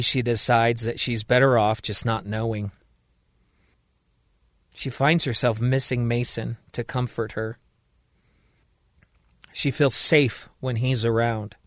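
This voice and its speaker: A man narrating a story in a slow, even storytelling manner. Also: medium pitch, no echo, clean studio sound. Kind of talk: scripted narration.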